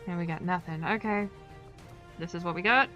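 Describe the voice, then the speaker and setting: A woman's voice: on the low side, moderate pace, sharp tone, lo-fi sound, soft background music. A woman streaming a game, chatting casually and joking about herself to her viewers. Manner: chatty, self-deprecating, talks to chat. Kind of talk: casual gameplay commentary.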